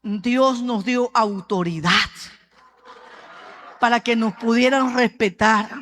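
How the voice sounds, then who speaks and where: A woman's voice: a little high, slow pace, a little hiss or hum. Peruvian woman preaching in a reverberant hall. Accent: Peruvian Spanish. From Peru. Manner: lively storytelling, often calling out "brother" to the congregation. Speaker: pastor. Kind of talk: sermon with personal testimony.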